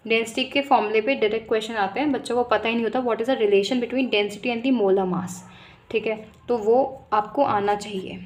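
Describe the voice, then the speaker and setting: A young woman, a medical student, giving a casual exam-prep lesson, brisk and direct, often checking in with the viewer. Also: fairly high pitch, fairly even intonation. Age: young adult.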